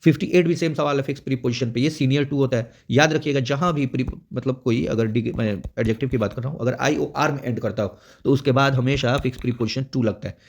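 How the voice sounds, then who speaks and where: A man's voice: medium pitch, a little fast, creaky, hardly any pauses. A man teaching an exam prep grammar lesson, explaining step by step and checking in often. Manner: explains step by step with frequent "theek hai" check-ins.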